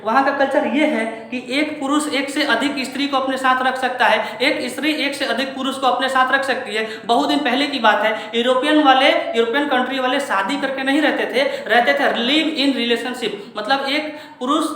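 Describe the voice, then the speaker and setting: A man's voice: very high voice, steady tone, normal speed, pushed and bright. A man from India giving a spoken lesson, lecturing in a rhetorical way and putting questions straight to his listeners. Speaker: teacher. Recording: very echoey room.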